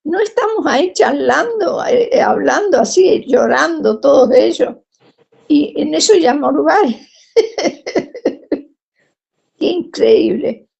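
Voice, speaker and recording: A woman's voice: high-pitched, takes it slowly, gravelly, long pauses, lo-fi sound. A woman with a Rioplatense Spanish accent tells a personal testimony, acting out the voices of the people in her story. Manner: animated, acts out quoted speech.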